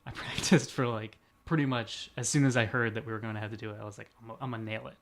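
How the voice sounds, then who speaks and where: Speaking quickly in a lowish, steady voice, a young man in his twenties rambles through casual podcast chat as a co-host. He's self-deprecating and laughs a lot.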